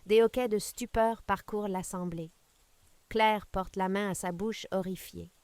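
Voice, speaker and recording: A woman's voice: medium pitch, steady tone, unhurried, darkish tone, smooth, no room sound. A woman narrating a scripted dramatic story with suspenseful pacing.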